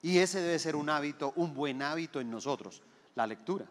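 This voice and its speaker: Male preacher, high pitch, emphatic and repetitive, big echoing hall. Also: lively intonation, normal speed. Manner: emphatic, repeats phrases, asks the crowd rhetorical questions. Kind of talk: sermon. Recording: long hall reverb.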